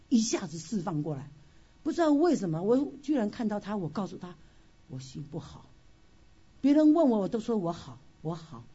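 Woman with a lively, husky voice. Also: a little high, highs cut off. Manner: expressive storytelling with frequent sighing exclamations. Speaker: church member sharing a testimony. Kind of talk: emotional personal testimony at church.

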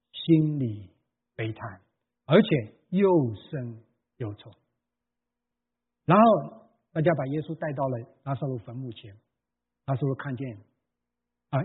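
A man's voice: fairly high pitch, husky. A man serving as a church elder, preaching earnestly and raising his voice to stress key words. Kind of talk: sermon with scripture reading. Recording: thin phone-like sound.

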